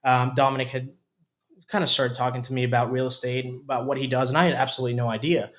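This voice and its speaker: A man in his twenties, originally from Hungary, telling his story as a guest in a studio interview with frequent pauses and restarts. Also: mid-range voice, level tone, fairly bright tone. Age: 20s. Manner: hesitant, many fillers and restarts. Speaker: company COO, guest. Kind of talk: casual interview talk.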